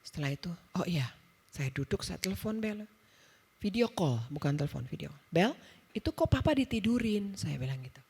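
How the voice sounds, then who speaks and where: Husky, low-voiced woman preaching. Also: sing-song, darkish tone. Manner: conversational storytelling, acts out dialogue, quick asides. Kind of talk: sermon to a women's service. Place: church service.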